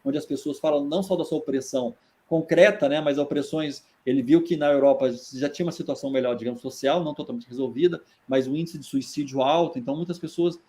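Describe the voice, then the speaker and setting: A Brazilian Portuguese-accented man teaching philosophy, racing through an anecdote at a brisk clip. His voice sits somewhat high for a man, and he lives out each exchange, slipping into the quoted speakers and checking in with a constant "né?". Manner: animated, acts out quoted dialogue, frequent "né?". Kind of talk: storytelling lecture.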